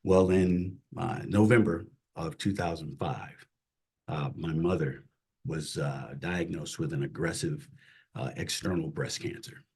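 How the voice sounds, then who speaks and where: A middle-aged man, a chaplain, telling his personal faith story as an interview guest in an earnest, emotional way that drops to a hush at hard moments. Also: rumbling low, measured pace, slightly rough. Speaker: chaplain and CPE director, guest.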